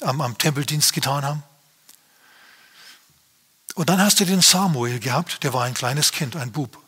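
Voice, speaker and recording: A man's voice: mid-range voice, bright, forceful tone, slightly rough. A man preaching a sermon as pastor, speaking earnestly and straight to his listeners.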